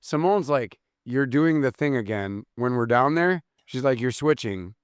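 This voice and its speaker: Casting note: male podcast co-host, animated storyteller who drops into mock accents, mid pitch, dry close-miked sound. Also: a little slow, clean tone, dry recording. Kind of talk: casual chat.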